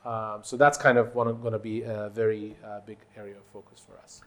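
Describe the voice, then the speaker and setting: A company executive from Turkey, a native Turkish speaker, gives conversational interview answers in halting phrases with emphatic points. His voice is lowish and his delivery flat.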